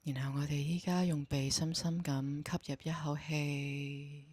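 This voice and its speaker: Gentle, slow and calm, a woman with a Hong Kong Cantonese accent talks listeners through a meditation. Her voice is low-pitched, soft and breathy, and there's no room sound.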